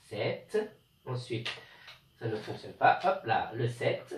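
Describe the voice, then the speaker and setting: A male teacher giving a slow, clear home lesson to young children, speaking patiently. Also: medium pitch, lively intonation, roomy sound, slight background noise.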